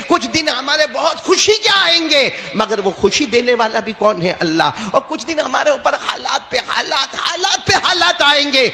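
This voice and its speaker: A man's voice: sits high, bright, forceful tone. A male preacher telling a story in a sermon, repeating phrases and calling on listeners to answer back. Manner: call-and-response, prompting listeners with "bolo"; repetitive, emphatic storytelling. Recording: echoey hall with faint noise.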